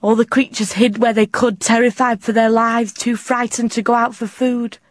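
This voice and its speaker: Old mole rat guard, hoarse and humble, solemn telling, woman voicing; storybook creature, dry sound. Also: a little high, flat delivery, moderate pace, dry recording, close to an everyday voice.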